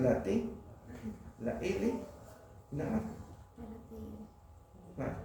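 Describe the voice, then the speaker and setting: A man lectures a class from a distance, his dark, gravelly voice bouncing around a very echoey room. Faint noise sits under the recording. He keeps throwing questions at the students and tags his points with "¿no?". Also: fairly high pitch. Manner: asks the class questions, tag "¿no?". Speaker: oral surgery lecturer.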